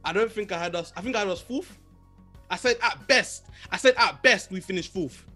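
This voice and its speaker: A man with a notably high voice argues casually about football. He repeats his points insistently as he steers the discussion. Music sits faintly in the background. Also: a little fast, bright, forceful tone. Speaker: discussion moderator and debater.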